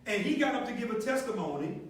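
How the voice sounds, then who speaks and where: A man pitching a product to a live audience in an emphatic, preacher-like way, asking the crowd questions. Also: lively intonation, fast talker. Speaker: speaker presenting a product to an audience. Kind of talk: preacher-like sales talk with call and response. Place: meeting room with a live audience. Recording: echoey noisy room from far off.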